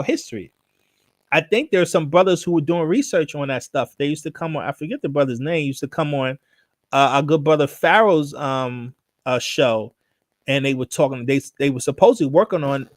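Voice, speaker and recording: A man hosting a live stream, teaching and answering viewer questions, often repeating himself and slowly chanting invocations. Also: fairly high pitch, no room sound. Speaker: host of a live religious show.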